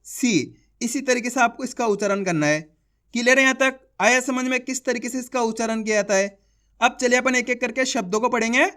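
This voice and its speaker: A young man teaching reading in a slow online lesson, drilling sounds and asking learners to repeat after him. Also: very high voice, fairly bright tone. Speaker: Hindi teacher.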